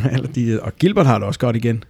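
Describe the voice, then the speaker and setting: A man's voice: medium pitch, animated, vocal fry, darkish tone, slightly rough. A man co-hosting a casual podcast chat, reading a listener's story aloud and laughing often. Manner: laughs often, stammers and restarts.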